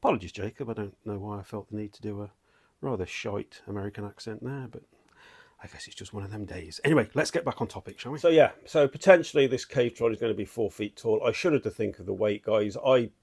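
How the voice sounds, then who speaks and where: A middle-aged man chatting excitedly in a home vlog, rambling and restarting his sentences as he walks around. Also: lowish voice, fast, creaky, breathy edge. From United Kingdom. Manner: enthusiastic, rambling, with many restarts. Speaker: statue collector vlogger. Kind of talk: excited casual vlog chat. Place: at home, walking between rooms.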